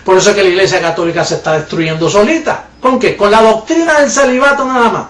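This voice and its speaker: High-voiced mocking male preacher, echoey. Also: fast, fairly bright tone, recorded from a distance. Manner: mocking, emphatic, repeatedly addresses listeners as "bendecido". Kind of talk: sermon.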